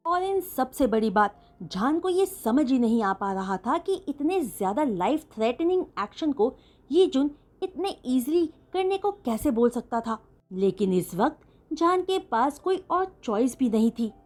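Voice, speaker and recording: A woman narrates a fan-written romance story with a fairly high voice. Her telling is animated and dramatic, with her pitch rising and falling freely as she builds each moment. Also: a little slow. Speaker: fanfiction storyteller. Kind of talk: retelling a romance story in Hindi.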